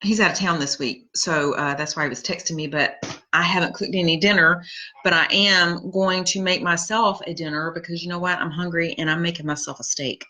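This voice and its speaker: Bright-voiced chatty woman. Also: lowish voice, rough recording. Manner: chatty, rambling, laughs at her own stories. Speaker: podcast host reading live comments. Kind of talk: casual storytelling chat.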